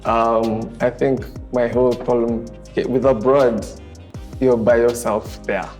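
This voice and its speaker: A man in his twenties hosting a relaxed group chat, talking in halting bursts full of restarts and fillers. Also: medium pitch, soft background music. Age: 20s. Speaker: host. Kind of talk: casual chat.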